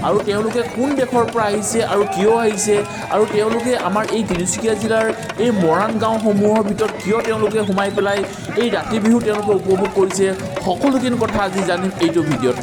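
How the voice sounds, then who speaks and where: A man's voice: high-pitched, background noise. A man hosting a vlog, interviewing guests on the spot at an outdoor village festival at night. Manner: rapid, excited, repeats "yeah, yeah". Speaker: vlogger host. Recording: loud crowd and music at an outdoor festival.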